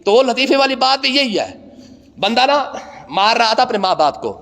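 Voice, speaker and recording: A man with touches, giving an emphatic Quran commentary lesson. His tone is bright and forceful, and he keeps asking his listeners rhetorical questions. His voice carries a long hall reverb. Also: very high-pitched, very animated, gravelly. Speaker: Quran teacher, mufti.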